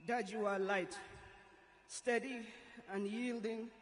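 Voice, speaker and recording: A woman with a Kenyan accent delivering a solemn, emotional eulogy as a tearful goodbye, measured and deliberate with long pauses. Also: on the high side, fairly even intonation. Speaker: eulogist, daughter of the deceased. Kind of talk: solemn funeral eulogy speech. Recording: echoey public address, faint noise.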